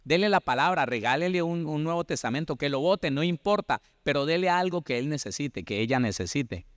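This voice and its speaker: A man's voice: a little high, lively intonation, brisk, no room sound, clean studio sound. A man preaching a Bible study as pastor, emphatic, acting out the voices of churchgoers.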